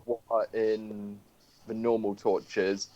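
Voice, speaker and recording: A man's voice: on the low side, level tone, very slow, crowd noise. A man playing a tabletop game, talking bluntly and teasing. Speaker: player. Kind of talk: casual tabletop game chat. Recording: dull lo-fi stream audio.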